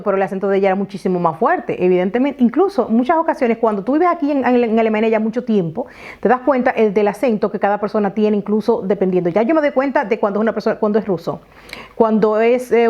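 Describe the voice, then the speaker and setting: A Dominican woman from the Dominican Republic telling a personal story in a vlog, lively and talking straight to her viewers. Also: on the high side, quick pace. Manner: animated storytelling, talks straight to viewers, many "entonces". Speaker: vlogger. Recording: slightly dull lo-fi audio.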